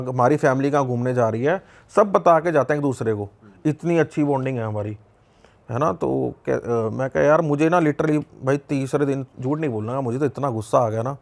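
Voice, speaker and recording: A young man with a Punjabi accent tells a personal story in a relaxed, conversational way. His voice has a gravelly edge, and he keeps repeating phrases and voicing the other people in it. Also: medium pitch. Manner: conversational, lots of repetition and quoted dialogue. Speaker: podcast guest. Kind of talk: casual storytelling.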